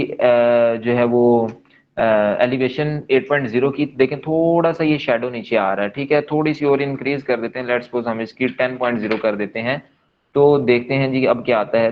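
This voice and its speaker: A man's voice: medium pitch, highs cut off. A man giving a step-by-step screen-share coding lesson, checking in often with his listeners. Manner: explains step by step, checks in often with "theek hai?". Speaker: programming instructor.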